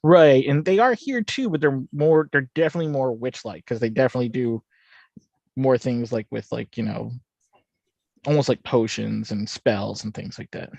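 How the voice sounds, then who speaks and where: A man's voice: mid-range voice, lively intonation, moderate pace, vocal fry, darkish tone, no room sound, muffled recording. Chatty man explaining lore. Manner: explains lore with frequent fillers and restarts. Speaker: podcast co-host. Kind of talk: casual watch-along chat.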